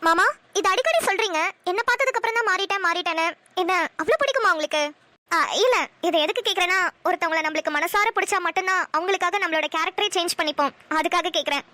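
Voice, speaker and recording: A woman's voice: very high-pitched, fast talker, sharp tone, no room sound. A woman voicing a curious young newlywed wife in a cartoon who asks probing questions. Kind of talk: Tamil cartoon voice acting.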